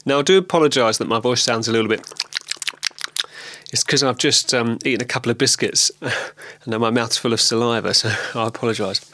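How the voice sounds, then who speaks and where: A man with a lingering cold talks in a relaxed, rambling way, full of ums and restarts, as in a personal video diary. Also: mid-range voice, brisk, no room sound. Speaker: vlogger.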